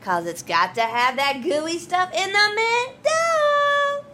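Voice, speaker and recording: A woman's voice: very high-pitched, lively intonation, slow pace, noisy background, full character voice. A woman voicing a pushy, greedy talking sweet tooth that whines and demands candy in a storybook reading. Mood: demanding. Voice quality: whiny, demanding, impatient. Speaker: teacher.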